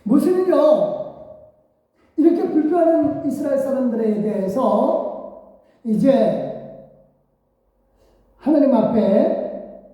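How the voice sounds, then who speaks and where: A woman pastor giving an animated sermon in a church, acting out the voices of the people in the scripture as she preaches. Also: high voice, slow, pauses often. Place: church sanctuary. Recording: echoey hall, voice from far off.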